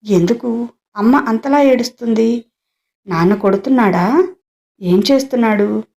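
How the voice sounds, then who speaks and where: A woman's voice: on the high side, measured pace, warm tone. A woman voicing a worried young college daughter in an audio story, asking anxious questions.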